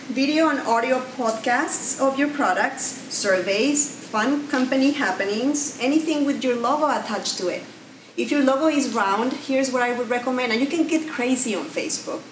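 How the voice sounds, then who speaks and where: A woman with a Mexican accent giving a lively presentation to an audience in a room, talking with fillers and restarts. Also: a little high, slight background noise. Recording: echoey room, faint ambience.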